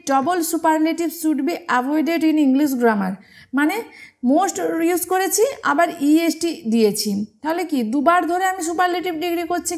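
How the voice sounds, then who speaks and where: A woman from teaching an exam-prep grammar lesson, patient and step by step, asking her students questions as she goes. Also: sits high.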